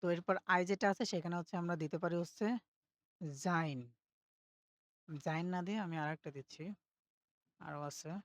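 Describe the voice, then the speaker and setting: A woman's voice: lowish voice, fairly even intonation, normal speed, pauses often, no echo, studio quality. A woman teaching German pronunciation in a self-study class, explaining each rule step by step and often checking that listeners follow.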